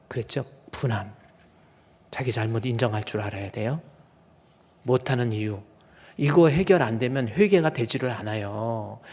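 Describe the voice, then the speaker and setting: A man's voice: medium pitch, creaky. A middle-aged man, a pastor, preaching an emphatic sermon in a church sanctuary. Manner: emphatic preaching, acts out quoted lines with sudden loud outbursts. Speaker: senior pastor. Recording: long church hall reverb.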